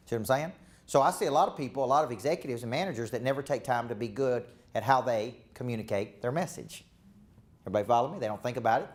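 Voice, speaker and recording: In a live seminar, a man with a Southern accent speaks as a leadership coach, his voice lowish and his tone somewhat dark. He is emphatic and repeats himself, falling into a preacher-like cadence.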